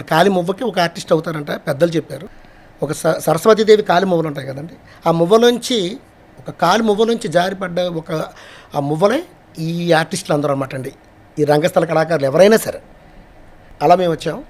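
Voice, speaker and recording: A man, a singer and mimicry artist, answering interview questions in an earnest, eager way. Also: high voice. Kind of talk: casual interview.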